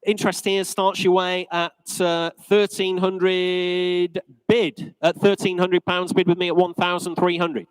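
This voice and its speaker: Man, auctioneer, polished courteous bid-calling patter, fairly high pitch, close dry sound. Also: flat delivery, unhurried, clean tone, no room sound, rough recording. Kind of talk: live auction calling, repeating bids.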